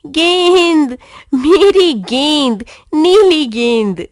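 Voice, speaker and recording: A woman's voice: sits high, animated, slow pace, creaky, no room sound, clean studio sound, exaggerated voice. Woman doing a wheedling little boy. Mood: excited. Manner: wheedling, coaxing. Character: playful pleading little boy. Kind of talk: storybook reading for children.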